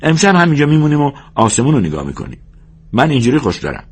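A man voicing a sharp-tongued exasperated ranch hand. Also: medium pitch, big pitch swings, breathy edge, pitched above the performer's own voice. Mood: scolding. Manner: scolding, raised voice, emphatic. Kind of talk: audiobook character voice.

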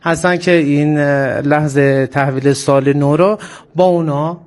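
A male interview guest with a high-pitched voice and an Isfahani accent. He talks politely, with some hesitation, in a radio conversation. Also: steady tone, a little mellow.

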